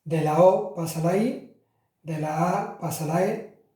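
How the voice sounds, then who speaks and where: Speaking slowly with a warm tone and fairly high pitch, a man gives a casual classroom explanation of Italian articles for Spanish speakers, using fillers and self-corrections along the way. The sound is distant and echoes through the room.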